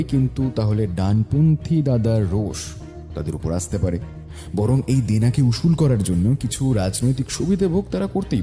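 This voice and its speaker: A male actor voices a shrewd, self-assured private detective in an audio drama, reasoning aloud in a measured, dry way punctuated by thoughtful hums. His voice is mid-range and warm, close to how someone speaks every day.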